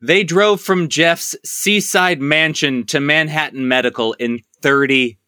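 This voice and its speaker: A man's voice: fairly high pitch, unhurried, sharp tone, clear, resonant tone, dry recording, studio quality. A man co-hosting a podcast, chatting casually in a sarcastic, nitpicking way. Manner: sarcastic, nitpicking, acts out characters' lines. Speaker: podcast co-host. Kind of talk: casual recap chat.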